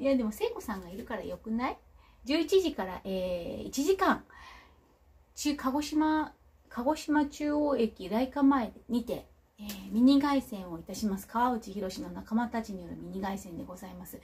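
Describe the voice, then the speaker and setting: With a slightly high, husky, darkish voice and lively intonation, a woman speaks at normal speed in a Kagoshima accent. She's a local politician hosting a casual livestream, reading viewer comments, teasing herself and laughing between remarks.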